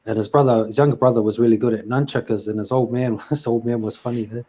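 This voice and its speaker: A man's voice: medium pitch, steady tone, fast, warm tone, breathy edge, lo-fi sound. A man hosting a casual chat, rambling with lots of fillers and restarts. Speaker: host.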